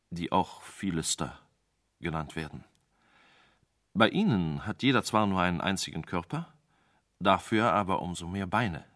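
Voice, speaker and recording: A man's voice: low-pitched, fairly bright tone, no echo, clean studio sound. A man voicing a cautious second wise man telling a strange tale to a king in a radio play.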